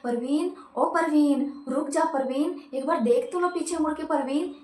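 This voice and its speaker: A honey-voiced witch , as a woman storyteller puts her on, calls softly in a coaxing sing-song, high and hushed. The lure in her voice is gentle. It rings in an echoey room. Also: unhurried, distant mic. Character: sweet-voiced female witch luring a man.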